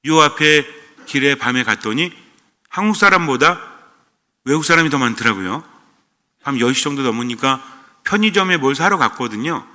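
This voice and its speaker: Bright-voiced priest in a reverberant church. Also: male voice, medium pitch, animated, moderate pace. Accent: standard Seoul-style Korean. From Gyeonggi Province, Korea. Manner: conversational, asks the congregation questions. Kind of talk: sermon.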